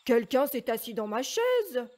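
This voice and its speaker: A big papa bear speaks up loudly and heavily, with a touch of grumble, as a woman reading a storybook voices him. The delivery is slow and deliberate, pitched a little high for a bear. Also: sing-song. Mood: grumbling. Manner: loud and heavy.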